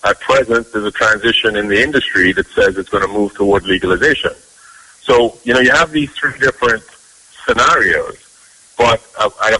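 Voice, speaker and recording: Man from Trinidad, phone caller, low bright voice, husky, hedging, phone line sound. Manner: measured, hedging, many fillers. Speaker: caller, conference organizer. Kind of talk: phone-in interview. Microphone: telephone.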